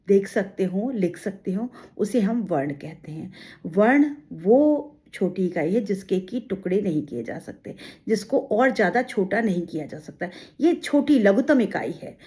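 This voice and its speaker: Lady teacher going through grammar slow and careful, asks herself questions then answers, mid-pitched voice. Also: warm tone. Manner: explains step by step with examples and rhetorical questions. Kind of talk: exam-prep grammar lesson.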